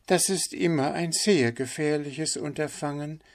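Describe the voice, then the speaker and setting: A man's voice: a little high, unhurried, pitched above the performer's own voice. A man voicing a prim, motherly female duck in a storybook reading, genteel in manner.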